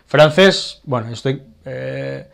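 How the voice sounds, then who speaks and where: A man with a Spanish accent giving a casual grammar lesson, often pausing to check in with his learners. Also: mid-range voice, vocal fry. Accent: Spanish from Spain. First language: Catalan. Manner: explanatory, checks in with frequent "vale". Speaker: Spanish teacher.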